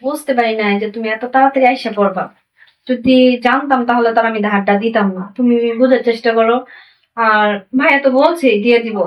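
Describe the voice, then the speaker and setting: An actress playing a deceitful young wife, pleading and wheedling, with a Bangladeshi accent. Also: female voice, fairly high pitch, fast, dull audio, natural voice. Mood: defensive. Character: deceitful young wife hiding spent money. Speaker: migrant worker's wife. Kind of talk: amateur drama acting. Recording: voice distant from the mic.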